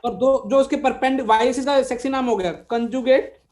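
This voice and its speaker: Teaching maths in a live online class, a man with a very high, somewhat mellow voice switches between Hindi and English in an Indian accent. He dictates at a slow pace, quizzes the students and calls them "beta."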